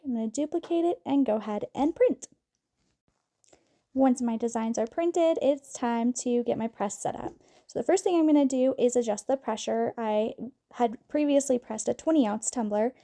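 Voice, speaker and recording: Upbeat woman with a mellow voice. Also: fairly high pitch. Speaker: crafting tutorial host. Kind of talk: scripted voice-over tutorial.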